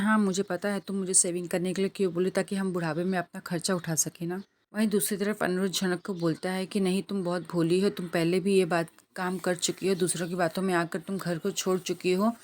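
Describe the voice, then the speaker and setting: A woman casually retelling an upcoming soap episode, reading the characters' lines aloud in her own voice with small slips. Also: lowish voice. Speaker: TV serial recap narrator.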